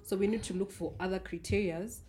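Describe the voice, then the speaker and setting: A woman's voice: medium pitch, steady tone, brisk, warm tone. A woman with a Kenyan accent discussing ideas casually as a podcast panellist. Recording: clearly noisy background ambience.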